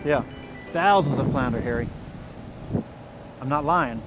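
A man's voice: mid-range voice, a little slow, loud music behind the voice. A man hosting a fishing video from a small boat outdoors, coaching his buddy in an easygoing, casual way. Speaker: fishing channel host. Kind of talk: casual chat while fishing. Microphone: head-mounted action camera.

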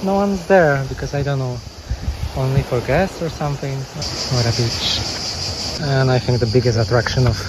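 A young man narrating his budget travel vlog outdoors, talking into a handheld camera in plain, halting phrases. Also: mid-range voice. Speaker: travel vlogger. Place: outdoors on beaches, trails and streets. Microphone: handheld camera at arm's length. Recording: loud outdoor noise.

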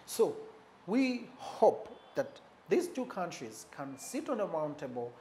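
A man giving unscripted commentary on politics, measured and pausing often, leaning hard on key words. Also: fairly high pitch, sing-song, warm tone, slight background noise. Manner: stresses key words for emphasis.

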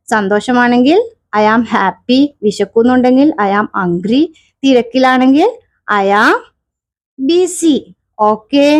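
A woman's voice: on the high side, darkish tone, dry recording. A woman with a Malayali accent teaching beginner spoken English, saying each phrase twice in a cheerful, teacherly way.

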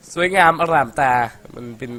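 A man's voice: very high-pitched, bright, forceful tone, a little hiss or hum. A young man from Thailand giving casual, profane let's-play commentary, chattering and laughing as he plays. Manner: rowdy and profane, laughs a lot, playful chatter. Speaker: gaming commentator.

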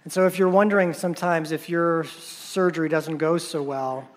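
A man who works as a surgeon tells a personal story at a conference, halting and repeating words, his voice dropping soft at painful moments. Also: on the high side, fairly even intonation.

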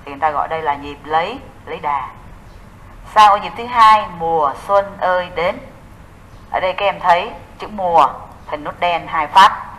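A woman's voice: on the low side, normal speed, a bit bright, low-quality recording. A woman teaching a recorded music theory lesson, explaining step by step and answering her own questions to the class.

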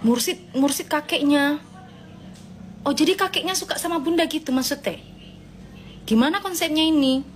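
Woman live-stream host, fairly high-pitched, playful and motherly, faint background hiss. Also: normal speed, long pauses. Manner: chatty and playful, answering comments aloud; gently scolding, motherly tone to followers. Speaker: live-stream host reading viewer comments. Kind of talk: casual live-stream chat.

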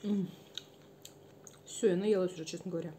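A woman's voice: lowish voice, moderate pace, slight background noise. Woman talking while chewing food. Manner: relaxed, murmured asides between bites. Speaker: mukbang vlogger. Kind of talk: casual chat while eating.

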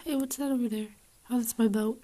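A woman with a somewhat high voice narrates her gameplay. She mutters and grumbles to herself, puzzled by the game's rules. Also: fairly even intonation, brisk, dark tone. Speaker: gamer. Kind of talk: gameplay commentary.

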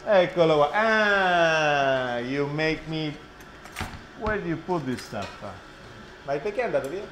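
A man with an Italian accent hosting a casual live cooking commentary, halting and often repeating his phrases. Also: a little high, lively intonation. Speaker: cooking class host. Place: indoor professional kitchen. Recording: echoey kitchen with clear background noise.

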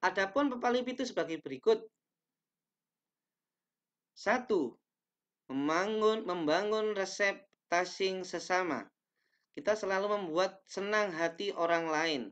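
A man's voice: sits high, measured pace, pauses often, a bit bright. A young man teaching a class, reading slides aloud with careful pacing and small self-corrections, in a small indoor room. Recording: dull lo-fi webcam audio.

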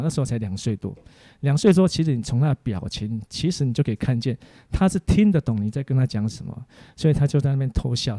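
A man, a preacher giving a teaching sermon for an online course, full of animated stories about his family. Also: mid-range voice, no echo.

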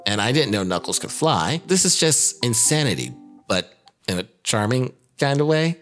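A man of medium pitch and a fairly bright tone narrates a scripted video commentary as host, his voice moving through big pitch swings at normal speed. He's wry and casual, tossing in jokey asides over background music.

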